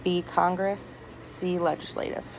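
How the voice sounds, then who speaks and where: Lowish woman w vocal fry reading test questions out loud in a hospital room, bit of background noise. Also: flat delivery. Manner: deliberate, item-by-item reading with small stumbles. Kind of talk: reading multiple-choice test questions aloud. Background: people talking, ambient noise.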